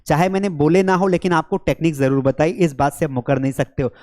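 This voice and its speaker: A man's voice: fairly high pitch, fairly even intonation, quick pace, darkish tone. A man teaches spoken English at a board in a classroom. He drills short sentence pairs aloud with energy and calls his students beta and bhai.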